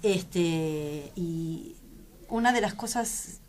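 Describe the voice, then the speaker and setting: Her voice is lowish and a little mellow: a tango musician and teacher in her forties, speaking with a Rioplatense Argentine accent as a guest on a radio interview. She falters and frequently starts her words over.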